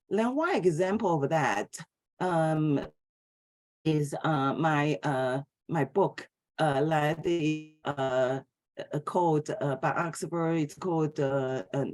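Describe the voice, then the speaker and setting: A middle-aged Taiwanese woman delivers an academic philosophy lecture, hesitating often with pauses and filler sounds. Her voice is deep with a darkish tone.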